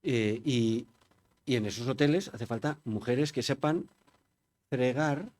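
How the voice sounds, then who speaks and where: An older man from Spain talking to an audience. He is chatty and digressive and keeps turning to listeners with rhetorical questions. His voice is of middle pitch. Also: unhurried, darkish tone. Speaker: conference speaker. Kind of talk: informal public talk.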